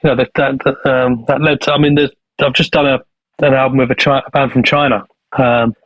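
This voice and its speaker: Answering interview questions casually, this Manchester producer and studio owner keeps restarting and filling gaps with ums as he rambles. His mid-range voice is level, fairly quick and a bit bright, and the rough recording from his dry mic has no room sound.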